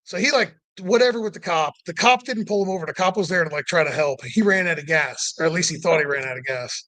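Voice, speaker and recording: Telling a long road-trip story during a casual podcast chat, a male guest rambles, says "like" a lot, and acts out the quoted dialogue. His voice is a little high and sharp in tone, and he speaks at a quick pace.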